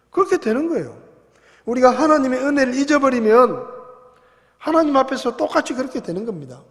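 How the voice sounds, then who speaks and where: A male pastor preaching a sermon, shifting between quiet reflection and loud emphatic passages, recorded in a church sanctuary. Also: extremely high pitch. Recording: long reverb of a church hall.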